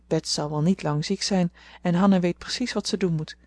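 A woman's voice: lowish voice, fairly quick, a little mellow, no room sound, lightly acted. A woman voicing a sensible eldest sister who speaks earnestly and in a commanding way.

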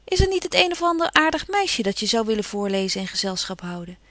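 A woman's voice: fairly high pitch, sing-song, quick pace, fairly bright tone, dry recording. A woman reading aloud, voicing a spirited, outspoken teenage girl in a storybook. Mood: cheery.

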